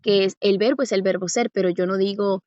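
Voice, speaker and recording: A woman's voice: medium pitch, steady tone, darkish tone, dry recording. Lady teaching a class, patient, drags out example words, kinda dull dry audio. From Costa Rica. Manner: patient, slows down to spell out examples with rising checks. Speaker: Korean language teacher. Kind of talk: classroom lesson.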